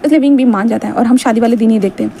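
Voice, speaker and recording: A woman's voice: fairly high pitch, racing, gravelly, warm tone, slight background noise. A woman casually retelling a fan fiction story in a chatty way, with many fillers.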